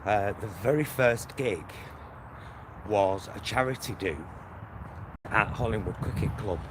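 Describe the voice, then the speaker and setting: Walking beside roads and a motorway, a Greater Manchester vlogger chats casually in his Northern English accent, rambling and interrupting himself. His voice sits on the low side and moves at a measured pace. Loud traffic and outdoor ambience fill the recording.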